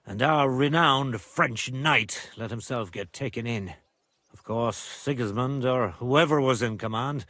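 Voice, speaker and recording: An actor playing a proud older nobleman and father in a medieval video game, speaking gravely and formally. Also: medium pitch, a bit bright, no echo, lightly acted. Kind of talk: video game dialogue acting.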